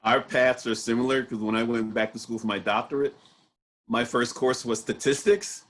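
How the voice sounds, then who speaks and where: A man's voice: mid-range voice, fairly even intonation, moderate pace, a bit bright. A man hosting an interview show, asking his guest questions and checking facts with him. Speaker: show host. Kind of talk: casual interview.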